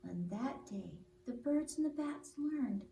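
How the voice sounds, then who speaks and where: A woman telling stories to young children in an animated story-time style. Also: high voice, slow pace, vocal fry. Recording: roomy, distant mic, faint noise.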